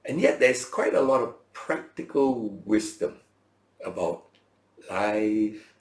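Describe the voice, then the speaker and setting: In a low voice with lively intonation, this teacher speaks slowly through a casual Bible lesson. He poses rhetorical questions, checks on his listeners, and voices imagined characters in plain modern phrasing, all in an echoey room.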